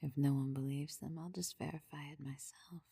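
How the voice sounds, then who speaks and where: A woman playing a possessive, devoted necromancer queen in an ASMR role-play, speaking formally and with measured control in a deep, husky, breathy voice. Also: fairly even intonation, dark tone, dry recording, studio quality, exaggerated voice. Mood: commanding, smug.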